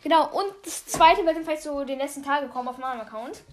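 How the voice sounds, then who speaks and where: A woman hosting a casual gaming podcast, chatty and excitable. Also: high-pitched, fast talker. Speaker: podcast host. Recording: music playing behind.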